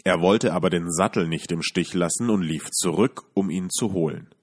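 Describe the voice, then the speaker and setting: A man calmly reading a fairy tale aloud as a podcast storyteller. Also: low voice, breathy edge. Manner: calm, measured reading.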